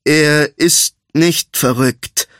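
A man voicing a level-headed male swordsman in an audiobook, urgent but trying to calm a heated standoff. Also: a little high, extremely slow, no echo, clean studio sound. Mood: urgent placating. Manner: urgent but calming, placating. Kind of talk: audiobook character voice.

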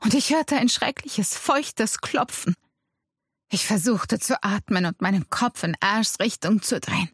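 A woman's voice: medium pitch, animated, unhurried, slightly rough, no room sound. Woman narrator, dramatic first-person storytelling, dry close sound. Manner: dramatic, tense delivery. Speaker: audiobook narrator.

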